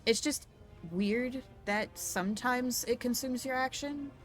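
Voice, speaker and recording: A slightly high, slightly slow voice belongs to a woman streaming a game with faint music in the background. Her casual let's-play commentary mixes explanations of the mechanics with playful outbursts.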